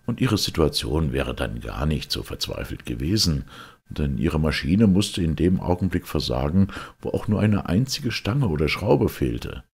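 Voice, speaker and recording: A man's voice: very deep voice, very animated, moderate pace, vocal fry, darkish tone, husky, pitched above the performer's own voice, heavily acted. A man voicing the story's hesitant male first-person narrator, who asks and reasons cautiously, in an audiobook. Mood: doubtful.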